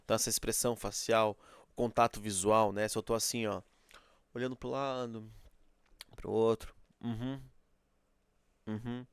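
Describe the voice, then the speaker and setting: A man with a lowish, smooth, resonant voice gives a lecture as a teacher. He explains patiently and keeps checking in with rhetorical tag questions. He acts out little examples as he goes. The recording is dry and close. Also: flat delivery, normal speed, no room sound. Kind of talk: classroom lecture.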